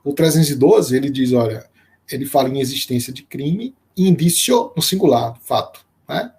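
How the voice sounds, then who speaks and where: A man teaching a live-streamed law lecture, explaining slowly with frequent fillers and restarts and pausing to greet viewers by name. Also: mid-range voice, lively intonation, darkish tone. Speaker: law professor.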